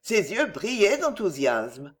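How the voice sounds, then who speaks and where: A man narrating a classic novel as an audiobook, expressive and lively. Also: high-pitched, slow pace.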